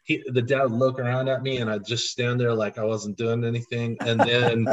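A man's voice: mid-range voice, flat delivery, moderate pace. Earnest man telling stories, dull sound. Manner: earnest, emotional when recounting. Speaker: podcast guest, costumed volunteer. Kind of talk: storytelling in an interview.

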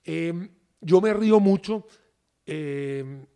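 A man's voice: a little high, very slow, clear, resonant tone. A man, chatting casually as a guest, joking and laughing as he talks. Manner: animated, joking, laughs while talking. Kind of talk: casual chat.

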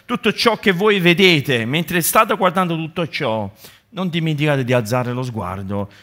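A man's voice: on the high side, bright, forceful tone. A male pastor delivering a sermon, building his points through repeated phrases and speaking directly to his congregation. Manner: impassioned preaching with repeated rhetorical build-ups; addresses the congregation directly with asides.

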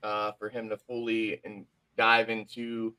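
A man with a bright, forceful voice co-hosts a music review podcast. He sounds tired and yawns between thoughts. He talks loosely, swears freely and keeps restarting his sentences. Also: on the low side, monotone, measured pace. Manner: loose, profane, trailing off in restarts. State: tired, yawning. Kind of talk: casual chat.

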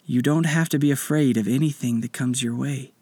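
A man voicing a wise, mysterious male spirit guide, speaking slowly in a hushed, breathy way. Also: medium pitch, dry recording, close to an everyday voice. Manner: slow, hushed, breathy delivery.

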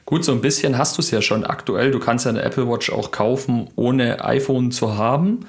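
A man's voice: medium pitch, normal speed. A man co-hosting a casual tech podcast, explaining with enthusiasm. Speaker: podcast co-host.

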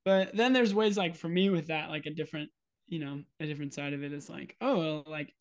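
A young man co-hosting a podcast in relaxed casual chat, talking with many fillers and laughing easily. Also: fairly high pitch, fairly quick, clean tone. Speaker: podcast co-host.

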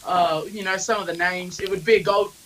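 A man's voice: sits high, fairly even intonation, fairly quick, a bit bright, rough recording. An Australian-accented man, a DJ guest on a podcast, chatting casually and telling anecdotes.

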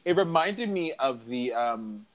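A man chatting as co-host of a fashion review in a sassy, campy drag-queen style, animated and giggly. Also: medium pitch, measured pace, crowd noise. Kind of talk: casual chat, commentary.

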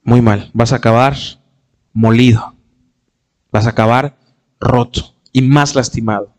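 A man's voice: fairly even intonation, measured pace, darkish tone. A man preaching a sermon in an impassioned way, acting out the voices of hurting people. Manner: impassioned, acts out quoted voices with rising pitch.

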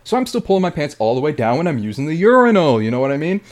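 A man's voice: a little high, big pitch swings, very fast. A young man co-hosting a podcast, telling crude stories in a hyped, rambling way and checking in with "right?". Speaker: podcast co-host. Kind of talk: crude comedic storytelling.

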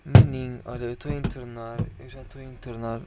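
A man's voice: mid-range voice, flat delivery, fast talker, loud music behind the voice. A drunk man with a European Portuguese accent, hosting his podcast and rambling, repeating himself and swearing freely as he talks to his patrons. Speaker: podcast host. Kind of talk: rambling casual monologue to patrons.

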